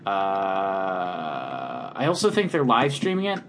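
Easygoing man with a halting delivery. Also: sits low, slight background noise. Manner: relaxed, hesitant with many ums and uhs. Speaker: podcast co-host and local musician. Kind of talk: casual podcast chat.

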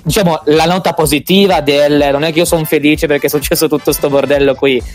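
Higher-pitched man chatting on a podcast. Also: fairly even intonation, a little fast, soft background music. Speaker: podcast co-host. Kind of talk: casual chat.

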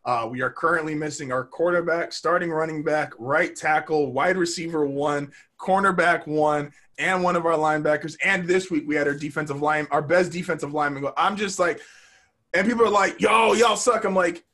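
A man co-hosting a casual podcast, ranting and swearing in excited bursts. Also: a little high, a little fast. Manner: animated, swearing, rants in bursts. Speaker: podcast co-host. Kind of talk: casual chat.

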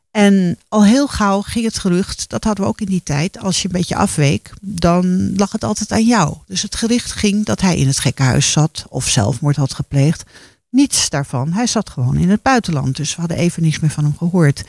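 A man hosting a radio show, chatting eagerly with his guest and introducing the next song. His voice sits a little high and has a gravelly, creaky edge. The studio sound is dry and close. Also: darkish tone, no echo. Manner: chatty, enthusiastic, asks the guest questions. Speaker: radio host. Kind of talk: casual radio chat.

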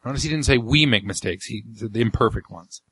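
A man's voice: medium pitch, quick pace, a bit bright, slightly rough, no room sound. A man hosting a podcast, reading out passages of a talk and commenting on them bluntly and sardonically, with frequent ums and restarts. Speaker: podcast host.

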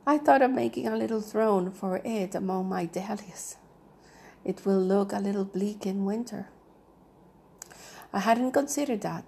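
Reserved, obstinate retired banker man, husky voice, read by a woman. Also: mid-range voice, a little slow, pauses often, darkish tone.

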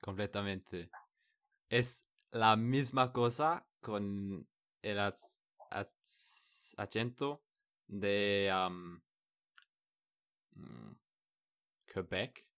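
A man's voice: lowish voice, very slow, pauses often, fairly bright tone. A man in a casual chat, speaking hesitantly, restarting words and searching for the right ones. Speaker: conversation partner. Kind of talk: casual chat in a learned language.

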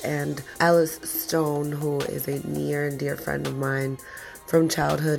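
A woman in her thirties with a voice hoarse from a cold, speaking as host in a podcast introduction. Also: deep voice, a little mellow. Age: 30s.

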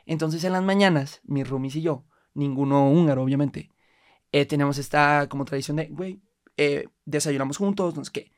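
A man with a Mexican Spanish accent, a podcast guest who tells his travel stories in a casual, animated way and acts out the voices in them. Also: a little high, moderate pace. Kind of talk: casual storytelling chat.

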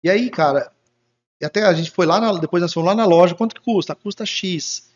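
A man's voice: sits high, brisk. A man guest in an interview, telling his life story casually and acting out quoted dialogue. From Brazil. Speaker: entrepreneur guest. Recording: muffled lo-fi recording.

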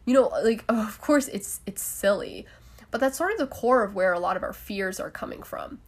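A woman's voice: mid-range voice, animated, moderate pace. A young adult woman hosting a solo podcast in a casual, chatty way, with frequent laughs and fillers. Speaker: podcast host.

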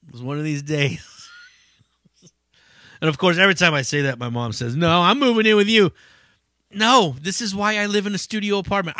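A man's voice: sits high, pushed and bright, no echo, studio quality. A middle-aged man hosting a podcast in a casual, rambling monologue, swearing freely and laughing often. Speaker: podcast host.

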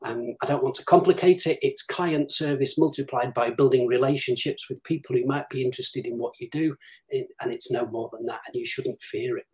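On a live-streamed interview, a male guest who works as a business development director speaks briskly in a medium-pitched, slightly mellow voice. He offers emphatic advice and performs the lines his clients say to him.

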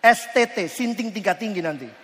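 High-voiced man preaching in a hall. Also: a little fast, slight background noise. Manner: lively, jokes with and questions the crowd. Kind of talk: youth sermon. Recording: long hall reverb.

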